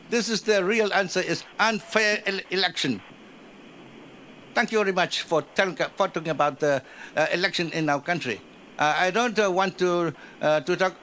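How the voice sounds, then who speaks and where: Halting man making a statement. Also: sits high, fairly bright tone, a little hiss or hum, rough recording. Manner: halting, repetitive, with frequent fillers. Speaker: audience member giving a statement. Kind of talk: impassioned public comment. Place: conference room.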